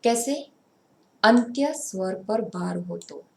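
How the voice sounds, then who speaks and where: A woman teaching a grammar lesson, explaining slowly and pointing things out step by step. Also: on the high side, animated, vocal fry, warm tone, a little hiss or hum. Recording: roomy echo.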